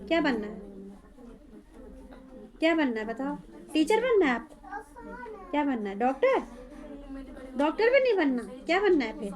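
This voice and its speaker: High-voiced woman tutoring a small child. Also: very animated, moderate pace, pauses often. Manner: coaxing, repeats simple questions to a young pupil. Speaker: home tuition teacher.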